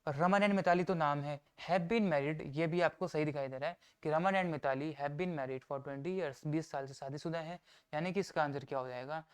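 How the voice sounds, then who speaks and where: A man teaching an exam-prep grammar lesson, explaining step by step, reading example sentences out slowly and answering his own questions. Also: on the high side, clear, resonant tone. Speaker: English teacher.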